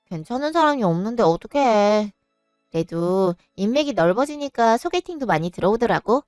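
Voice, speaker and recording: A mocking young sister-in-law, as a woman narrator puts her on in a storybook drama. She teases in a light, breezy way with a clear, smooth voice. Close, dry sound. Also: medium pitch, lively intonation, moderate pace, a little mellow, no room sound, faint music behind, lightly acted. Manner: breezy, teasing. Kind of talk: storybook voice acting.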